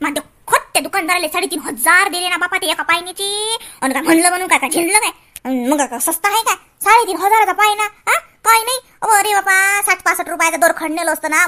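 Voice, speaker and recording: A woman's voice: very high-pitched, sharp tone. A woman playing a chatty, self-pitying old village grandmother, rambling, preaching and complaining in sing-song exclamations. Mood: indignant. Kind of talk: comic sketch acting.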